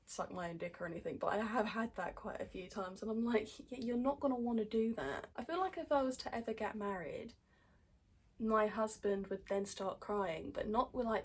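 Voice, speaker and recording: A woman's voice: mid-range voice, husky. A woman chatting casually as a podcast host, blunt and sweary with sarcastic asides. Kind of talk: casual chat reading out fan messages.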